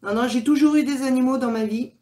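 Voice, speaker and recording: A French livestream host chats casually with her viewers and reads their comments, rambling along with lots of fillers. Her voice is high-pitched and mellow, and she talks fast.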